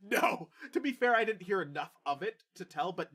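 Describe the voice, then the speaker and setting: A man's voice: sits high, animated, normal speed, a bit bright, slightly rough. A man hosting a podcast, chatting casually with lots of fillers and frequent laughter. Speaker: podcast host. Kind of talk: casual chat.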